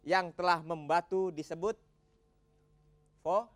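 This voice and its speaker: High-voiced bantering quiz host man. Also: steady tone, slow pace. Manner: bantering, laughs often. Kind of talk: comedy quiz hosting. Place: TV studio with audience.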